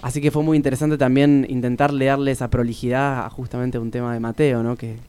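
Male musician, warm mellow tone, hesitant casual interview talk. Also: mid-range voice, flat delivery, brisk, smooth. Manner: thoughtful, hesitant, many restarts. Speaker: musician guest. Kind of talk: casual radio interview chat.

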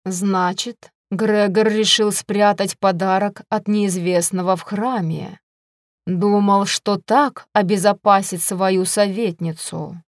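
A woman reading the part of a cold, arrogant young queen who gives slow, quiet, menacing orders in an audiobook. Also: mid-range voice, fairly even intonation, no echo, studio quality, close to an everyday voice. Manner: soft, slow, icy commands.

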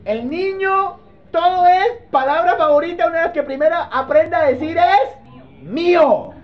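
A male pastor preaching a sermon in a church, animated and playful, often calling on the congregation to answer. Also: very high-pitched, unhurried. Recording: dull lo-fi sermon recording.

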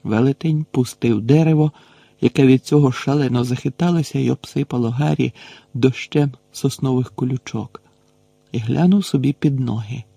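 Dark, gravelly male audiobook narrator. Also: mid-range voice, normal speed, dry recording.

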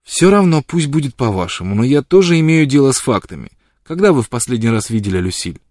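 A man voicing a proud, quick-witted young woman who answers with sharp, challenging retorts. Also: mid-range voice, big pitch swings, dry recording, clean studio sound, pitched above the performer's own voice, natural voice. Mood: teasing.

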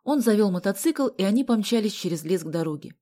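A woman narrating a children's adventure audiobook with expressive storytelling. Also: mid-range voice, fast talker. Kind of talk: scripted narration.

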